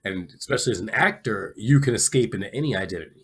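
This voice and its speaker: A man's voice: on the low side, lively intonation, quick pace. A man hosting a podcast, talking casually and encouragingly, often checking in with his guest. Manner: casual, affirming, repeats "you know what I'm saying". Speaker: podcast host. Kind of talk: podcast interview.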